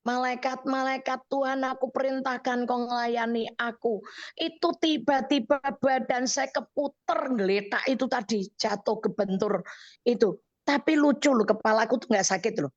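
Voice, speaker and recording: A middle-aged woman evangelist with a Javanese accent, telling a personal testimony on a radio counseling show, animated and acting out what she said. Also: fairly high pitch, moderate pace, no room sound, lo-fi sound. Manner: animated storytelling, acts out her own quoted words. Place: radio studio.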